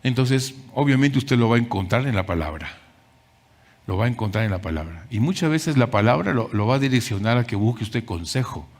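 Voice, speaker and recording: A man preaching a sermon as pastor, emphatic and deliberate, repeating key phrases and addressing the congregation directly. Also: mid-range voice, lively intonation. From Peru. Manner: deliberate delivery with climbing emphasis in lists.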